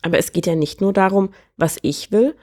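A woman's voice: mid-range voice, brisk, warm tone, natural voice. A woman voicing a young princess in a storybook reading, with an earnest, determined manner. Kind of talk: storybook character voice.

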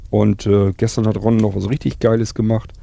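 Gravelly, husky man, low and dark, rambling enthusiastic host for survival role-play. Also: flat delivery, a little fast. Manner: rambling, enthusiastic, many fillers.

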